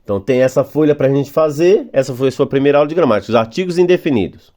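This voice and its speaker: Patiently going over words slowly, a Brazilian Portuguese-accented man leads a recorded beginner's English grammar lesson. He speaks in a warm, mid-range voice.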